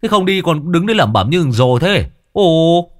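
A man voicing a gruff older man yelling and mocking from a gate. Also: on the high side, very animated, moderate pace, no room sound, studio quality, voice pushed up. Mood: mocking shout. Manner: shouting, mocking.

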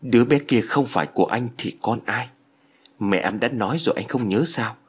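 A man's voice: mid-range voice, moderate pace, husky, lightly acted. A man voicing a stern young ghost woman. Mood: insistent. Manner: stern, urgent.

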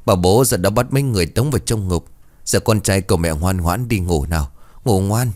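A man's voice: low-pitched, fairly quick, darkish tone, no echo, natural voice. A male narrator voicing a young mother who coaxes and comforts her frightened little son in a storybook ghost tale. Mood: soothing. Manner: soothing, coaxing.

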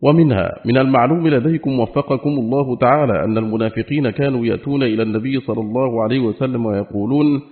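A man reading a religious book aloud in a formal, steady, measured recitation. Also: medium pitch. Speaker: audiobook reader. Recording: narrow phone-like audio.

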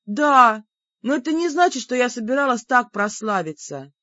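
A woman voicing an exasperated young heroine with a high, shrill, pleading voice. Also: animated, moderate pace, pushed and bright, no echo. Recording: dull lo-fi dry recording.

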